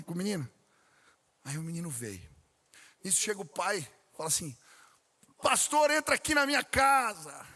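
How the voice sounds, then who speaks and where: A male pastor preaches a sermon and tells a family story, acting out each voice in it. His voice sits on the higher side for a man. The sound carries the long reverb of a large church hall. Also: a bit bright. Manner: storytelling preacher, acts out dialogue with rising intensity.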